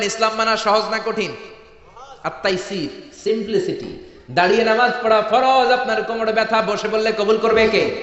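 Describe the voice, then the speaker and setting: A man preaching a sermon with a Bangladeshi Bengali accent, rousing the crowd and swinging between loud calls and soft asides. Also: sits high. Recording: echoey hall, dull sound.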